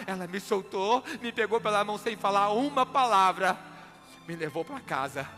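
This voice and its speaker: A man's voice: very high voice, sharp tone. A man in his thirties with a Minas Gerais accent, telling a dramatic, emotional story as a motivational speaker on stage. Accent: Minas Gerais Brazilian Portuguese. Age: 30s. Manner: dramatic, emotional, acts out dialogue. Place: event stage.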